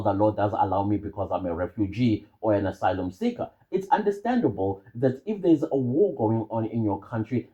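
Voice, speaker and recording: Man, South African accent, fairly low pitch, dark mellow tone, emphatic repetition, informal opinion commentary. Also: highs cut off. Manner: emphatic, repeats phrases for stress. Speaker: channel host.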